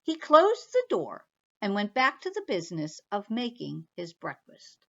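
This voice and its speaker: Lady reading a storybook to kids, slow and sing-song, muffled lo-fi recording. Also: mid-range voice, vocal fry. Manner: expressive, speaks to children directly. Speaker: children's librarian reading aloud. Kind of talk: picture-book storytime reading.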